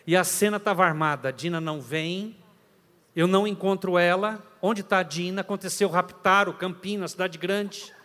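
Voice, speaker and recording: A man preaching a story-driven sermon in a dramatic, animated manner, rising at times to shouts. His voice is high for a man. A long hall reverb trails every phrase. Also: normal speed.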